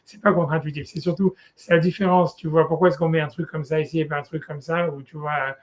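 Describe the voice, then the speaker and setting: Casual, halting male Torah teacher. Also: on the high side, level tone, a crowd in the background. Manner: casual, halting, many restarts and fillers. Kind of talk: informal one-on-one study session.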